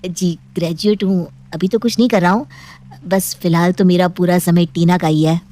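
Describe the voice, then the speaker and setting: A woman voicing a cocky, greedy, jobless young man in an animated storybook, cheeky and mocking. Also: lowish voice, normal speed, natural voice.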